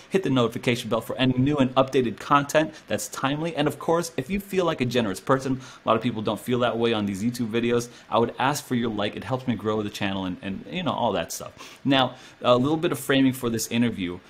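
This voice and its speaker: A young man hosting a casual interview from a small room at home, talking animatedly into the camera. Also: medium pitch. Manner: animated, gestures a lot, speaks to camera. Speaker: host.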